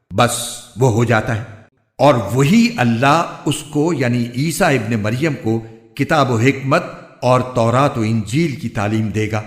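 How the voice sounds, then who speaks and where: Male scripture reader, mid-pitched voice, measured solemn delivery, roomy echo. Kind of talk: scripted reading of a scripture translation. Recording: echoey, roomy recording.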